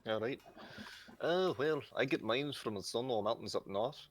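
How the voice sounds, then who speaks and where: A man voicing a brisk woman blacksmith in her early thirties with an Irish accent, gruff and matter-of-fact. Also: medium pitch, lively intonation, slight background noise, pitched above the performer's own voice, close to an everyday voice. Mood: businesslike. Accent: Irish, put on. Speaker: game master.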